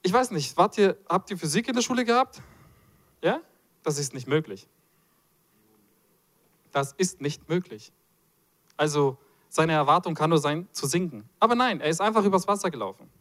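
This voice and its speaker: Animated preacher, high lively voice. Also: male voice, normal speed, pauses often. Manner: animated, playful asides to the congregation. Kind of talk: lively sermon with Bible reading.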